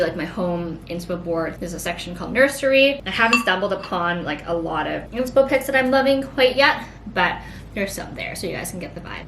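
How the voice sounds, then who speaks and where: A woman in her late twenties chatting casually through a pregnancy Q&A, rambling and filling her sentences with "like". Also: a bit bright. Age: late 20s. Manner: rambling, heavy use of "like". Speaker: vlogger. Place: home. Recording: echoey room, faint rumble.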